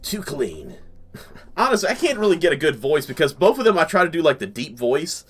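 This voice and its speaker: A man's voice: a little high, very animated, fast, faint music behind. A man casually commenting on a game he plays, rambling and joking. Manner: rambling, joking, chuckles often. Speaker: gaming channel host. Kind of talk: casual let's-play commentary.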